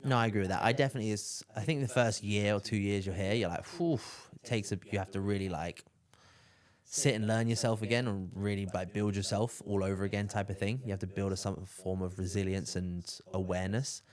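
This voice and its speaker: A young man from the south of England hosts a casual podcast chat, trailing off with fillers and tag questions. His voice is on the low side, brisk, with fairly even intonation.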